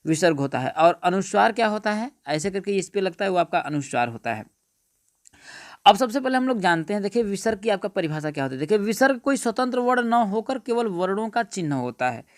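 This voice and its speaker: A man's voice: sits high, very animated, a little fast, no echo, clean studio sound. A male teacher giving an exam-prep grammar lesson, repeating points and asking his friends rhetorical questions. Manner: repetitive, keeps asking "what is it, friends?".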